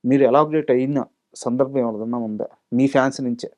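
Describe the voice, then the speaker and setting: A male interview host who presses his guest with probing, challenging follow-up questions. He talks quickly in a warm, mellow voice. The sound is close and dry. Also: mid-range voice, no echo.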